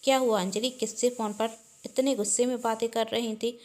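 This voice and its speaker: A woman voicing a tired young husband back from the office, gently and concernedly questioning his wife in a storybook reading. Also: on the high side, fairly even intonation, brisk, natural voice.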